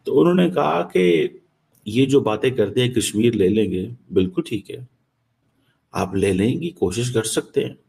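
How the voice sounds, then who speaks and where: A man giving political commentary in a halting way, mixing English phrases into his speech. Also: mid-range voice, lively intonation, vocal fry, a little mellow, slightly rough.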